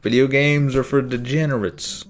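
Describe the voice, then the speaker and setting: A man's voice: mid-range voice, steady tone, moderate pace, pitched above the performer's own voice, natural voice. A man doing a weary, disapproving mom. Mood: dismissive.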